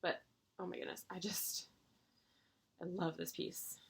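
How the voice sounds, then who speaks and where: A woman chatting casually to her viewers about her stitching, gushing with excitable bursts and rambling restarts. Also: fairly low pitch, measured pace, creaky, slightly rough. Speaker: cross-stitch vlogger.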